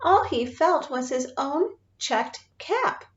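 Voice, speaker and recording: A woman teacher reading a picture book aloud to children, expressive and often asking them questions. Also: high-pitched, takes it slowly, reverberant. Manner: expressive, asks listeners questions. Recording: dull lo-fi sound.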